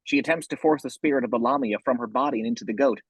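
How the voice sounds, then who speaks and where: A man with a husky voice reading scripted horror narration, describing the action scene by scene. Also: mid-range voice, racing, no room sound.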